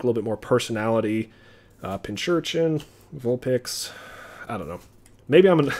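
A man streaming himself opening trading card packs, chatting casually and getting excited over his pulls. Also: medium pitch, breathy edge. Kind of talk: casual live-stream commentary.

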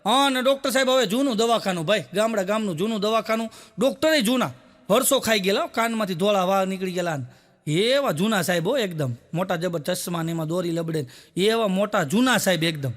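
A man's voice: high voice, quick pace, fairly bright tone. A man, telling one folksy joke after another. He acts out the characters' lines himself and keeps laughing along as he talks. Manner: laughs often while acting out characters' lines. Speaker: stand-up comedian telling jokes. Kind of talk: Gujarati folk joke storytelling.

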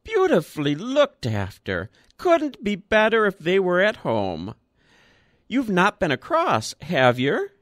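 Casting: man playing a frail old gent, thin piping quaver, high and rambling, storybook reading. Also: wildly swooping pitch, takes it slowly, fairly bright tone, no room sound, studio quality, full character voice. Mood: chatty. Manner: rambling, chatty.

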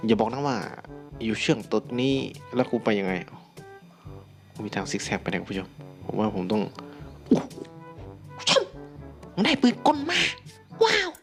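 A young man giving casual gameplay commentary, excitable, breaking into loud exclamations and talking to viewers. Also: fairly low pitch, normal speed, gravelly, pauses often, soft background music.

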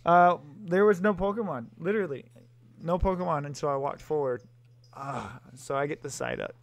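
Gravelly young man chatting over a game. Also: fairly high pitch, moderate pace. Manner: relaxed, laughs easily, rambling. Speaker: co-host, game streamer. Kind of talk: casual gameplay commentary.

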